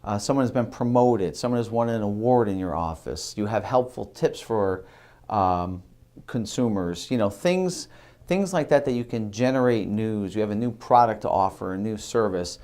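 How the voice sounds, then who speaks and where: Man, middle-aged, lowish voice, instructional video lecture, halting delivery, frequent ums and uhs. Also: animated, darkish tone. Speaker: marketing instructor.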